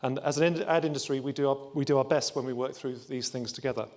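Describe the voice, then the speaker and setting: A man's voice: medium pitch, fairly even intonation, quick pace, darkish tone. A man, a trade body's chief executive, giving an upbeat welcome speech to open a conference, with a few restarts. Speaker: trade body chief executive opening a summit.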